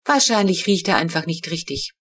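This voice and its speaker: A woman's voice: lowish voice, big pitch swings, moderate pace, a bit bright, husky, exaggerated voice. A woman voicing a level-headed child in a storybook reading, explaining sensibly. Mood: sensible.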